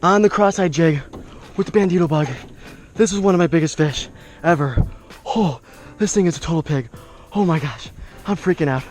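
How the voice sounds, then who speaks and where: A young man fishing at a pond outdoors, talking casually to his viewers on an action camera, excitable and quick to exclaim while sweating in the heat. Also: on the high side, slight background noise. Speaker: fishing vlogger. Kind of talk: casual vlog talk to camera.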